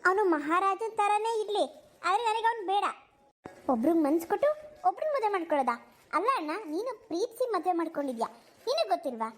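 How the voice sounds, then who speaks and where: Give me a woman playing a stubborn cartoon village girl, high-voiced and defiant. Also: very animated, fast talker. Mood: defiant pleading. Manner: pleading, defiant. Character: young village woman resisting forced marriage. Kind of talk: cartoon voice acting.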